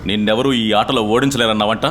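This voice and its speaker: A man's voice: on the low side, fairly even intonation, fast, a bit bright, a little hiss or hum. A man in a dubbed film comedy scene, speaking bluntly and boastfully as he issues challenges. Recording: film soundtrack with music behind.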